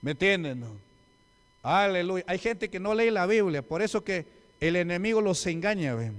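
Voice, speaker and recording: This Peruvian man is a deacon delivering a forceful sermon, throwing rhetorical questions at the congregation. He has a high-pitched, animated voice at a moderate pace. The church hall gives the recording a long reverb.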